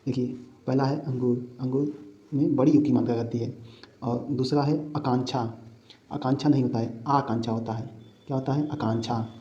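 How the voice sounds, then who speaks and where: A man teaches spelling for exam prep, saying each word over and throwing quick questions back at his students. His voice is very dark and mellow and sits at a middling pitch for a man. The recording sounds dull and lo-fi. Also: steady tone. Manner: repeats words and asks the class rhetorical questions.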